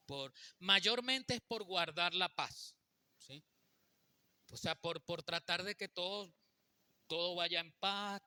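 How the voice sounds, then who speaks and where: A man's voice: a little high, bright, forceful tone, dry recording. A man giving a faith-based teaching talk on marriage, speaking emphatically and often checking in with his listeners.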